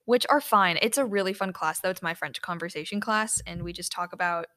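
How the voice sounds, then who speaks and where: A woman's voice: fairly low pitch, brisk, sharp tone. A young woman co-hosting a casual student podcast, friendly and upbeat, with a teasing edge. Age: young adult. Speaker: student co-host.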